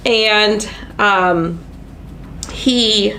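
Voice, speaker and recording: She draws out her words in a mid-range voice while hosting a relaxed craft stream, her allergies making her sound stuffy and nasal. Fillers and excited tangents run through her storytelling, and the low-quality recording has slight background noise.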